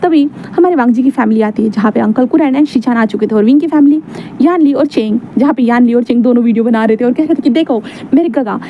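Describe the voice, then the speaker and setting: A woman's voice: a little high, quick pace, highs cut off, a little hiss or hum. A woman casually retelling a fan fiction story in a chatty way, with many fillers.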